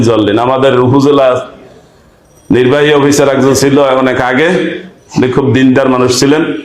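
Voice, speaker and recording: Male preacher, mid-pitched, questioning the crowd, reverberant hall sound. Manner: rhetorical questions to the audience, acts out village dialogue. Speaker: preacher giving Quran commentary. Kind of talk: sermon.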